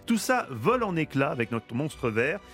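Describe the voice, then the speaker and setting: A man's voice: fairly high pitch, very animated, normal speed, a bit bright, faint music behind. A man delivering a comic radio chronicle in a studio, playful and ironic, with teasing asides to the host. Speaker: radio columnist.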